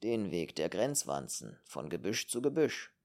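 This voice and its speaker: A man voicing a gruff, good-natured, mocking male vagrant in an audiobook, lower than his narration. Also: sing-song, unhurried, a little mellow, exaggerated voice. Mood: gruff teasing.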